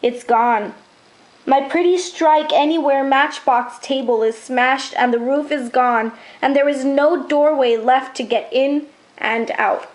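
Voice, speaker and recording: A woman's voice: sits high, fairly even intonation, measured pace. A woman voicing a worried mother mouse who pleads and frets in a storybook. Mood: tearful. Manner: pleading, tearful.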